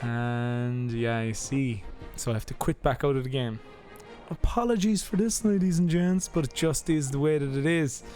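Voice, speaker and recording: A man's voice: medium pitch, normal speed, darkish tone, soft background music. A young man casually commenting as he plays a video game, chatty and rambling, often correcting himself mid-sentence. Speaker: let's play host.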